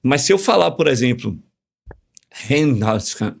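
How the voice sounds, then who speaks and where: A man explaining ideas in a casual podcast conversation, animated and teacherly, full of examples. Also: medium pitch, measured pace, vocal fry. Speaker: communication guest.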